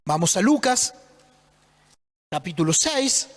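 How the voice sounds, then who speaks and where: A man's voice: high voice, big pitch swings, slow pace, big-room sound. A man, preaching a conversational, joking sermon full of rhetorical questions. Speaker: pastor. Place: church.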